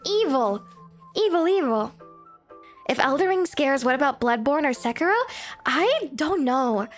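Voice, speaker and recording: A woman's voice: high-pitched, animated, moderate pace, soft background music. A woman hosting a casual livestream, chatting to viewers in a cute, giggly anime-streamer manner. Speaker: livestream host.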